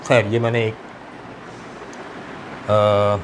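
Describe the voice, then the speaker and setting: Slow, deliberate male teacher in a noisy room. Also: lowish voice, monotone. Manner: slow, deliberate teaching with mixed Hindi-Urdu and English. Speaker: English teacher. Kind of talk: explanatory lesson.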